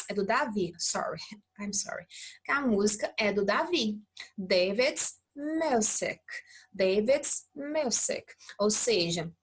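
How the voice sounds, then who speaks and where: A woman teacher from Brazil explaining a lesson patiently, often checking in with her students and modeling words slowly. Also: on the high side, breathy edge. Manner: models English pronunciation slowly. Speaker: English teacher. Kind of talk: recorded classroom lesson.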